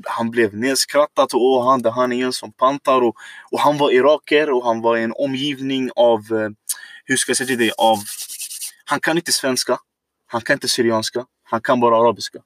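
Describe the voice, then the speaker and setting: A man's voice: mid-range voice, steady tone, a bit bright, dry recording, studio quality. A man casually telling a long personal story on a podcast, rambling and reflective, with many fillers.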